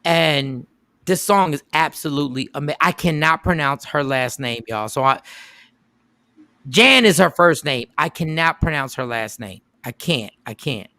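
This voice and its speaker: A radio show host telling a story casually, with emphatic repeats and quoted voices. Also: male voice, fairly high pitch, animated, unhurried, sharp tone, no echo.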